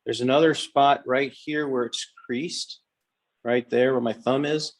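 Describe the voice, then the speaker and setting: A man giving an informal guided tour inside a cathedral, explaining things reverently and haltingly, often pausing mid-sentence. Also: medium pitch, steady tone.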